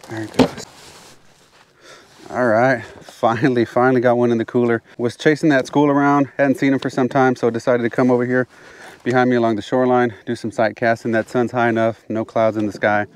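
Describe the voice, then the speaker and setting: A man's voice: mid-range voice, moderate pace, a little hiss or hum. Guy narrating from a kayak. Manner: excited, repeats phrases, drops to hushed whispers when sight casting. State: out of breath from heat. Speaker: fishing channel host. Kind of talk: casual outdoor narration to camera. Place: kayak on open water outdoors.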